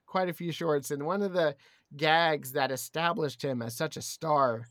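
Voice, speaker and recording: Enthusiastic podcast host geeking out casually on cartoon history, middle pitch, super dry close mic. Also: unhurried, a bit bright, no echo.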